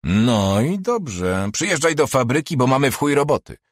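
A man voicing a gruff, foul-mouthed middle-aged police chief in an audiobook, speaking in a brusque, bossy way. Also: mid-range voice, animated, moderate pace, no echo, studio quality, pitched above the performer's own voice, natural voice. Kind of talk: audiobook character voice.

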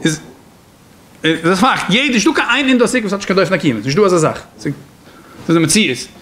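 A man with a Yiddish accent giving a Torah lecture as a rabbi, in a talmudic singsong with sudden swings in pitch. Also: expressive, fairly quick, a bit bright, a little hiss or hum.

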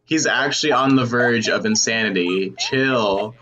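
A man's voice: mid-range voice, a little slow, sharp tone, a little hiss or hum. A young man in a game lobby voice chat, tossing off dry jokes about another player. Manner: dry joking commentary.

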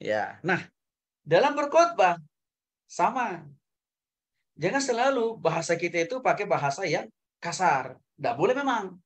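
During a lecture for a Bible school class, an animated male pastor rises to loud, insistent highs and drops to soft, low asides. He habitually finishes phrases with a fast "ya" or "saudara."

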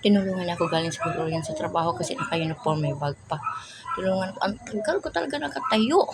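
A woman's voice: fairly low pitch, animated, quick pace, heavy background noise. An older woman, chatting casually and telling a rambling personal story while she searches for words. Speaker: vlogger. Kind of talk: casual chat.

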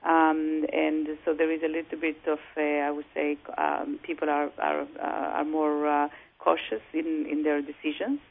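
A woman raised in Israel, a real estate broker being interviewed over the phone, speaking in a measured way with many fillers and restarts. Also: low voice, level tone, vocal fry. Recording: tinny phone line.

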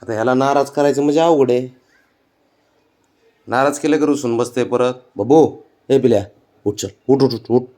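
A man talking casually to his pet cat, coaxing it in sing-song baby talk and sometimes dropping to soft murmurs. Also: mid-range voice, moderate pace, pauses often. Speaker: pet owner.

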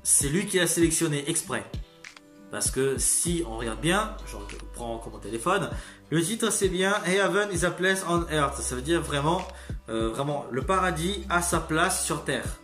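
A man giving a casual spoken review, rambling and excitable, swearing freely and bursting into loud outbursts. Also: fairly high pitch, unhurried. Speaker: video critic. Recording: roomy echo, faint music behind.

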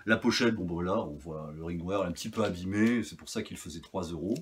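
Brief: male record collector, lowish voice, chatty, meandering, lots of hesitations. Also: brisk, a little hiss or hum. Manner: chatty, rambling, many fillers and restarts. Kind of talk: casual vinyl haul review.

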